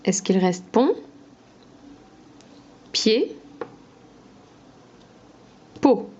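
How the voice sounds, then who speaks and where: A woman teaching a phonics lesson to young children, pronouncing each word slowly and clearly, syllable by syllable. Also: fairly high pitch, sing-song, a little mellow, lo-fi sound. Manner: slow, clear syllable-by-syllable pronunciation.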